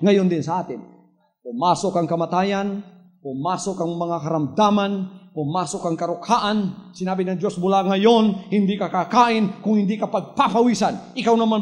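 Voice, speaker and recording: A high-pitched male pastor with a Filipino accent delivers a fervent sermon. He mixes Tagalog and English, swinging from quiet, intimate asides to ringing shouts. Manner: fervent preaching, sudden swings from hushed to shouting; switches between Tagalog and English.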